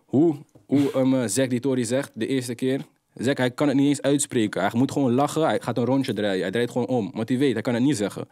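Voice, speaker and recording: A young adult man tells stories in lively, slang-heavy talk. His voice sits at an ordinary middle pitch. The sound is dry and close. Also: brisk, no echo. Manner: animated, slang-heavy street storytelling. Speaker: guest rapper. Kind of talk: casual interview storytelling.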